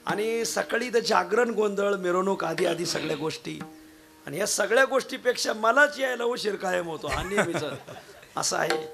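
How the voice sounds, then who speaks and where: A man giving a devotional kirtan sermon at a village gathering. He is hoarse after preaching three times the day before, and he talks in a folksy, joking way, turning to the audience as he goes. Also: high-pitched, animated, normal speed, music in the background. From Maharashtra. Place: village gathering with harmonium and mridang accompaniment.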